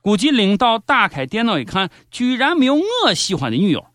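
A man's voice: sits high, wildly swooping pitch, fairly quick, fairly bright tone, no room sound, clean studio sound. A man with a Shaanxi accent delivering comedic scripted news commentary as a host, in a sardonic, mock-serious manner. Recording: background music under the voice. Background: music.

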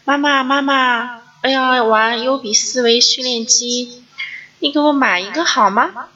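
A woman's voice: high voice, measured pace, pushed and bright, highs cut off, voice pushed up, exaggerated voice. A woman putting on the voice of a small boy, eagerly and whinily begging his mother to buy him something. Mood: pleading.

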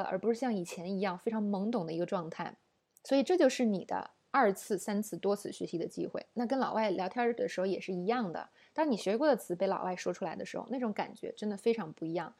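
A woman's voice: mid-range voice, vocal fry, a little mellow, slightly rough. A woman teaching an online English lesson, explaining at length with rhetorical questions and fillers.

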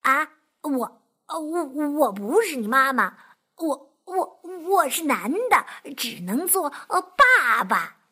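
A woman's voice: medium pitch, expressive, slow pace, fairly bright tone, husky, voice pushed down, exaggerated voice. A woman voicing a hungry, sly male fox in a storybook, stammering and grumbling to himself.

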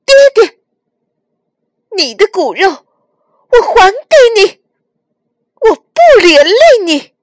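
A woman voicing a brave, desperate young boy hero in a storybook reading, crying out in a high, strained voice. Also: lively intonation, measured pace, pauses often, no echo, clean studio sound. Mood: anguished.

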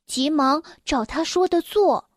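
A young woman reading a children's story aloud, gentle and expressive, speaking directly to the children. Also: sits high, unhurried, dry recording, clean studio sound.

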